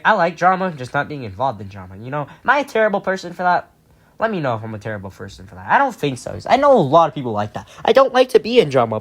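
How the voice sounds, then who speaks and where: Rambling, chatty young man. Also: on the high side. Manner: rambling and chatty, often laughing, many fillers. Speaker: vlog host. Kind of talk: casual storytime chat.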